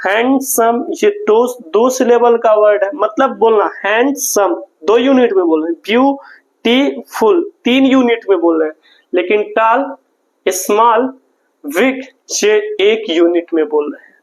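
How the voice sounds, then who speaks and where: A man's voice: high voice, lively intonation, moderate pace, low-quality recording. Patient man teaching grammar. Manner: patient, repetitive explaining, often says "friend". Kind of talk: online classroom lesson.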